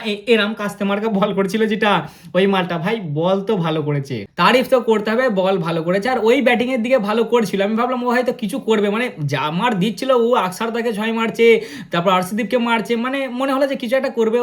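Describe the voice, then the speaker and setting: Fast-talking cricket vlogger man. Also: sits high. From India. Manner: fast-talking, excitable, addresses viewers directly. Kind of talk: casual cricket match review.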